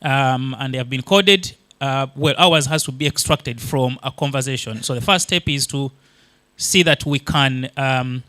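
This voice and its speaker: A man's voice: mid-range voice, a little slow, pushed and bright, no room sound. A man from Uganda whose first language is Luganda, giving a conference talk and explaining things step by step with many fillers and restarts. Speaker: conference presenter.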